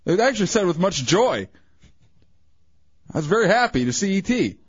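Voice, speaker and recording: Husky radio co-host dude, sarcastic, voice swings up and down, dry dull sound. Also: male voice, high voice, big pitch swings, fairly quick, no echo. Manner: teasing, sarcastic, cracks jokes. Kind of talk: casual talk radio banter. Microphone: studio broadcast mic.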